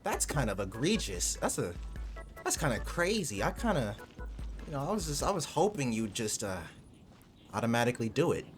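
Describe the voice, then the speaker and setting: With game music in the background, a gaming video host reacts to gameplay in casual slang, sounding sarcastic and mock-exasperated. The voice sits mid-range, swings widely in pitch, and moves at a moderate pace.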